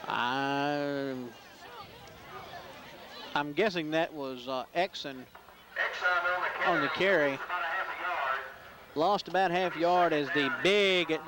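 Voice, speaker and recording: A man calling high school football play-by-play, building up loudly on big plays. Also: noisy background. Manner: excitable in big plays, rising loud. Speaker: play-by-play announcer.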